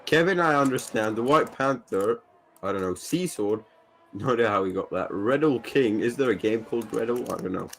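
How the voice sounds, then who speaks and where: A man doing casual, jokey sim racing commentary, laughing often and calling incidents with sudden excitement. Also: medium pitch, a little fast.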